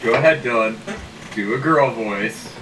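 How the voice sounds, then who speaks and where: Male game player, casual and joking, slow pace, echoey room with faint noise. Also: medium pitch, fairly bright tone. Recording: roomy, distant mic, faint noise.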